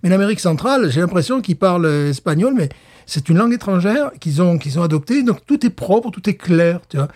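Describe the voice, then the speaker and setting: A man from France co-hosting a podcast in casual chat, animated, laughing often and stumbling over repeated words. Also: sits high, fairly quick. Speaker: podcast co-host.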